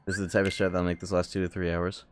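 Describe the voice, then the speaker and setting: A man with a deep, level voice talks in a rapid-fire, smooth stream with no echo, rambling casually through live commentary as he plays a game. This game livestreamer thinks aloud and swears freely while game music plays behind him.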